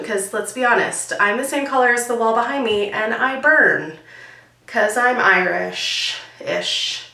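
A Canadian beauty vlogger with a hoarse, froggy voice gives a casual product review in a small, bright bedroom. Her voice is fairly high, bright, and forceful, and she's chatty and jokey, demonstrating as she talks. The camera audio sounds roomy and slightly distant.

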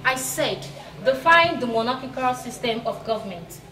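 A woman's voice: a little high, expressive, moderate pace, loud music behind the voice, natural voice. A woman playing a stern, dismissive schoolgirl. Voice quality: curt, firm, scolding. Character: stern, dismissive young female student. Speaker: student. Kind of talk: comic film acting.

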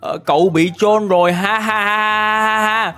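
A man's voice: high-pitched, measured pace, soft background music. A man voicing a mocking prankster male villager in a game story, taunting with smug laughter.

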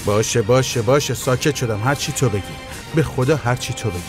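A man's voice: medium pitch, lightly acted. A man playing a wheedling, manipulative ex-lover. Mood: pleading. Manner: coaxing, wheedling, then pleading. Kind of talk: dubbed TV drama. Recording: music playing under the voice.

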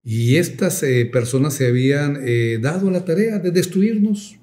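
Mellow-voiced pastor telling a testimony. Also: male voice, on the high side, expressive, normal speed. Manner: reflective storytelling with hesitant fillers, rising to emphatic preaching.

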